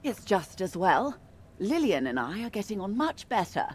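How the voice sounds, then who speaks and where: An actress voicing a poised, composed middle-aged woman of means in a video game, speaking in a measured, courteous, faintly wry way. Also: medium pitch, sing-song, slightly rough. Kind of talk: voiced video game dialogue.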